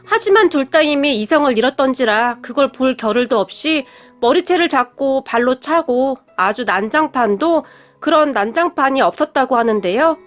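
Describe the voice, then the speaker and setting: Woman, storyteller, scripted first-person narration, even delivery, high voice, faint music underneath. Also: normal speed.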